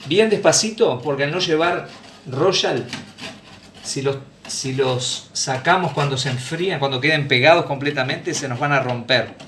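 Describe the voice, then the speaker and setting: A man's voice: medium pitch, unhurried, fairly bright tone, slight background noise. A man hosting a home cooking demonstration, talking patiently and often repeating or correcting himself. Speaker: cooking show host. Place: home kitchen. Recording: echoey room, mic far off.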